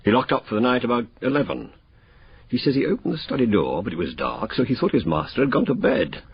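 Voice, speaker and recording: An actor playing a blunt, cocksure English police inspector with colloquial, matter-of-fact delivery in a radio drama. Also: male voice, mid-range voice, animated, fast, breathy edge. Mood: brisk, matter-of-fact. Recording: muffled radio drama recording.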